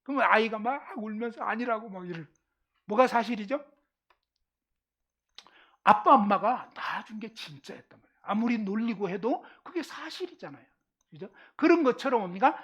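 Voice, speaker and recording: A middle-aged Korean woman giving a lively Bible lesson to a live class, constantly asking questions and checking that everyone follows. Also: a little high, normal speed, long pauses, breathy edge. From Korean countryside.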